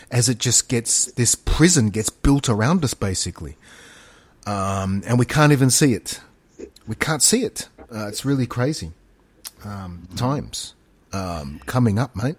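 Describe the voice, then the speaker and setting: A man's voice: medium pitch, darkish tone, breathy edge, dry recording. A man in casual, opinionated podcast talk, rambling, emphatic and matey, often repeating himself. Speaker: podcast co-host.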